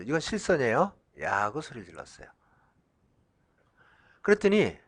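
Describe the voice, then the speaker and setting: A middle-aged man lecturing as a professor, asking questions and answering them himself. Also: mid-range voice. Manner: drawing on the slide while talking; lively, acts out shouts in a loud voice. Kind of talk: recorded lecture.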